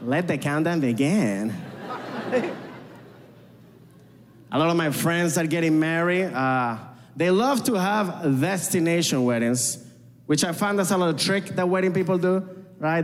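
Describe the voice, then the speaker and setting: Venezuelan-accented comedian on a stage. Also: male voice, fairly high pitch, animated, a little slow, long reverb tail. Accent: Venezuelan Spanish. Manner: chatty, self-mocking, talks to the crowd. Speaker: stand-up comedian. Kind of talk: stand-up comedy set.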